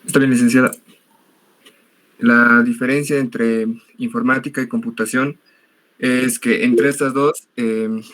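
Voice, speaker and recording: A man's voice: mid-range voice, fairly bright tone. A man student politely answering a teacher in an online class.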